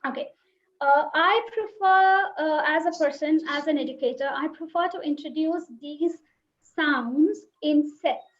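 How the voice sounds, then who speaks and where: A woman's voice: high voice, unhurried. A woman educator giving a webinar lecture on phonics, explaining and demonstrating speech sounds aloud and putting questions to her listeners. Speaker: teacher trainer. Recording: dull lo-fi webinar audio.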